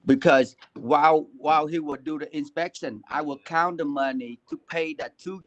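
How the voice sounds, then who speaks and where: A man's voice: a little high, steady tone. Man on a line that cuts out. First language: Vietnamese. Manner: halting, repeats and restarts phrases. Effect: audio keeps cutting out on a faulty connection. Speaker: contractor speaking up at a commission hearing. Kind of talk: remote call-in testimony. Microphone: phone or computer call-in. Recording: muffled, dry phone-call line with dropouts.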